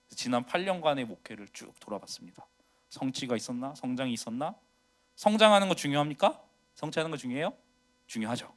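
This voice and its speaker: A man in his thirties, a pastor preaching a confessional sermon, swinging from loud to hushed. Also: mid-range voice.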